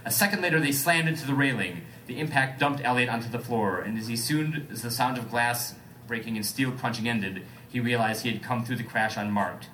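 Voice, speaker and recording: A man's voice: medium pitch, brisk, sharp tone, a little hiss or hum. A man reading a story aloud for comedy and breaking off to joke and ad-lib. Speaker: comedic reader.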